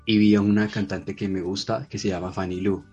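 A man with a low, husky voice chats casually and pokes fun at himself. The sound is dull and lo-fi, with soft music behind him. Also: little pitch movement, fairly quick. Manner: self-deprecating, chatty. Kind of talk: casual chat.

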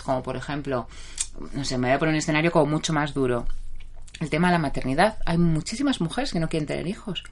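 Blunt, chatty woman from Spain, lowish voice. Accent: Spain Spanish. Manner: chatty and blunt, reads out viewers' names, laughs often. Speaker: therapist answering live comments. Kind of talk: casual live-stream advice chat.

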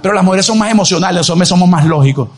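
Man, pastor, high voice, emphatic sermon, rhetorical questions, soft music underneath. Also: racing. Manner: married.

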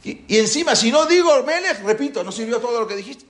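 Animated man teaching a religious class. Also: very high voice, fast. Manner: animated, asks rhetorical questions. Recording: roomy echo.

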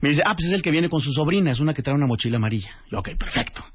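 A man, a radio guest telling a lively anecdote and acting out the dialogue. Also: a little high, racing, slightly rough. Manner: animated storyteller acting out dialogue. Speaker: radio guest, author and translator. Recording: dull lo-fi radio audio.

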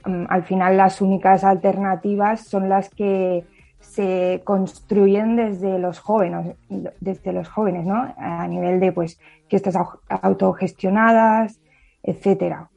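A woman's voice: medium pitch, fairly even intonation, slow pace, gravelly, warm tone, highs cut off, soft background music. A woman in her twenties, a singer and sociologist, talking casually with many fillers in a remote radio interview. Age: 20s. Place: Barcelona.

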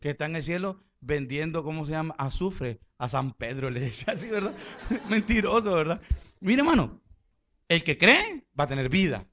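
A middle-aged man with a Salvadoran Spanish accent preaching a sermon in a church, joking and swinging from loud exhortation to quiet storytelling. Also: fairly high pitch, big pitch swings, moderate pace, lo-fi sound. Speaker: pastor.

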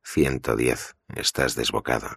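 A man playing a cold, ruthless male federal agent who speaks slowly and menacingly. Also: extremely low pitch, steady tone, a bit bright, slightly rough, dry recording, full character voice. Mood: cold menace. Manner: slow, menacing and clipped.

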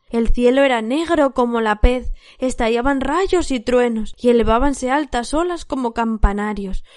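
A woman storyteller giving a measured, expressive narration of a fairy tale. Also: on the high side, no echo, studio quality.

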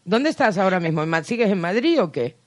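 A woman's voice: on the low side, very animated, quick pace. A woman hosting a radio interview, asking chatty, curious questions. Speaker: radio host.

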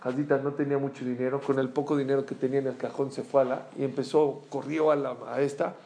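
A man who tells a teaching story in a sermon, animated and swinging between loud and hushed. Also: medium pitch, fast talker. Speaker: religious teacher.

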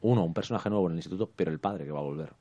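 A man chatting casually as a podcast co-host about a TV series, rambling and animated. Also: deep voice, very fast, dull audio. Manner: rambling, animated, quotes characters. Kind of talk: casual chat reviewing a TV series.

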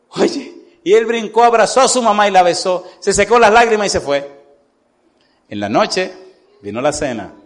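A male preacher telling a story in a sermon, animated, who keeps asking his congregation to answer yes or no. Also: high-pitched. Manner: animated, repeatedly asks the congregation "sí o no".

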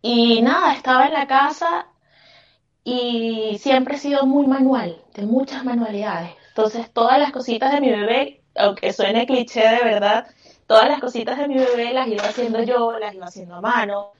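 On a podcast, a Venezuelan woman who owns a craft business responds to interview questions conversationally, with an emphatic, effusive manner and a Venezuelan Spanish accent. Her voice is on the high side and her pace is moderate. Sound comes through a muffled, far-off mic with echo.

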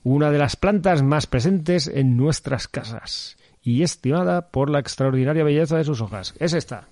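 A man's voice: fairly high pitch, lively intonation, moderate pace, darkish tone, no echo. A man co-hosting a casual podcast chat, joking and swearing freely while reading out fun facts. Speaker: podcast co-host.

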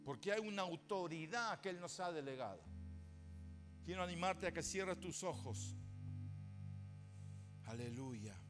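Rioplatense pastor guy, slowish sermon, kinda high voice, gets loud then soft. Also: animated, music in the background. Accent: Rioplatense Spanish. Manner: emphatic, with sudden rises and soft drops. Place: church before a congregation.

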